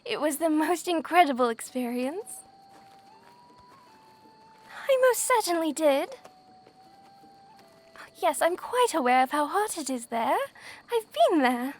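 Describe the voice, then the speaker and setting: A woman playing a gentle, easily flustered young princess in a soft, polite, formal ASMR roleplay style. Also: high-pitched, big pitch swings, slow pace, pauses often, full character voice. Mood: playful, proud.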